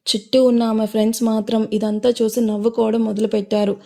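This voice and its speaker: Brief: female storyteller, mellow dark tone, a bit high, dramatic read. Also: flat delivery, quick pace, gravelly. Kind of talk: scripted audio story narration.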